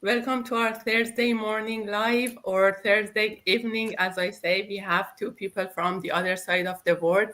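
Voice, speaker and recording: A middle-aged woman hosting a live online talk show over a video call, speaking slowly with many ums and uhs. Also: mid-range voice, steady tone, fairly bright tone. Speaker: host.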